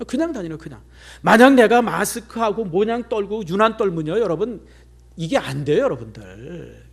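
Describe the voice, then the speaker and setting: A man's voice: sits high, moderate pace, vocal fry, breathy edge. A middle-aged male pastor giving a sermon, telling stories in a chatty way and sometimes dropping to a near-whisper. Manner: chatty storytelling with lively swings, drops to near-whispers.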